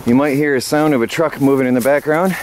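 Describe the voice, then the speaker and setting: A man vlogging on his homestead, a little out of breath and chatting in a halting, rambling way full of fillers. His voice sits at an ordinary pitch, caught on a handheld camera mic outdoors. Faint background noise and the sound of chickens and a rooster come through behind him. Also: steady tone. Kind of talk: casual vlog chat.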